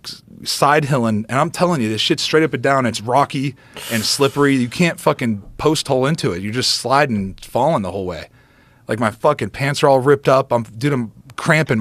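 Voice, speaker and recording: Profane, animated man telling a story. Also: medium pitch, no echo. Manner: profane, excitable storyteller acting out quotes. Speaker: podcast guest.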